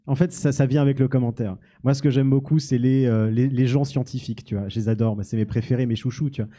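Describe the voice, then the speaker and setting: A man's voice: mid-range voice, steady tone, fast talker, warm tone, slight background noise. A man answering audience questions on stage, rambling and self-mocking with many restarts. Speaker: youtuber guest. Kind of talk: live Q&A on stage. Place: small cinema-café venue with audience.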